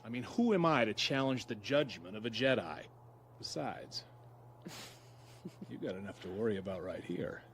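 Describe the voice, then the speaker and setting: Han Solo, roguish, wry space smuggler. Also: male voice, on the low side, animated, unhurried, long pauses, slight background noise. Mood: coaxing, flirtatious. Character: roguish ex-smuggler husband, wry, restless, romantic. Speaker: actor in an audio drama. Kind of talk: dramatic radio-play acting. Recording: music bed behind the voice.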